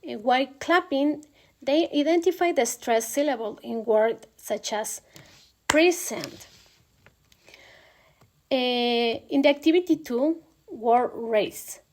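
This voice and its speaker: Speaking carefully and a bit hesitantly, a young woman presents a pronunciation lesson for class, frequently dropping "eh" into her pauses. Her voice sits slightly high and has a somewhat mellow quality, and the presentation is recorded.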